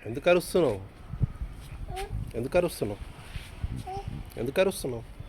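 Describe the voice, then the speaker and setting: A parent gently coaxing a toddler son, repeating short questions and simple commands on an outdoor rooftop. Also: mid-range voice, lively intonation, brisk, heavy background noise. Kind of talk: casual home video chat with a small child.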